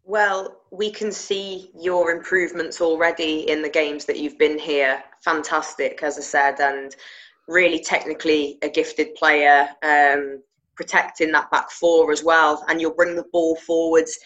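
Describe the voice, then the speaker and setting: A woman's voice: sits low, steady tone, measured pace, a bit bright, dull audio. A woman interviewing a guest in a casual, chatty way.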